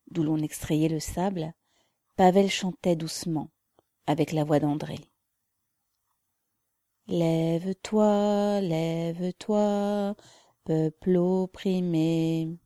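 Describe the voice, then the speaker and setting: A woman reading a classic novel aloud as narrator, slow and measured. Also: low-pitched, dry recording, clean studio sound. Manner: slow, measured, dark-toned.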